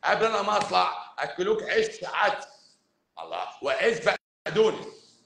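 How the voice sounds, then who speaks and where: A man's voice: sits high, huge pitch swings, normal speed, creaky. Cairo guy with an egyptian accent, a doctor ranting bluntly at his viewers on a live stream, faint hum behind, echoey room. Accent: Egyptian Arabic, Cairo. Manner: emphatic, blunt, swings between loud and hushed. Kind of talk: livestream talk answering viewers.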